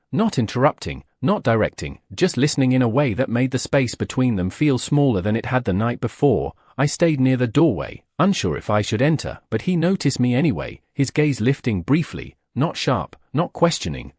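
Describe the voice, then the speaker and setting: Male narrator for a dramatic audio story: slightly husky, dry close sound, measured delivery. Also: medium pitch, sing-song, a little mellow, no echo. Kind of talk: first-person scripted narration.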